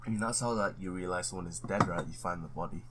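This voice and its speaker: During a let's play, a man with a low voice reads a visual novel's story aloud quickly, adding casual asides and now and then tripping over words. The recording is very noisy.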